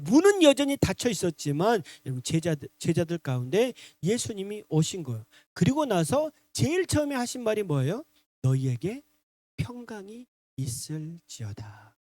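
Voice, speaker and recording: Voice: medium pitch, a little mellow, no room sound. A pastor preaching an Easter sermon in a church, constantly addressing the congregation and repeating points for emphasis. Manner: emphatic repetition, acts out voices in the story. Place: church sanctuary.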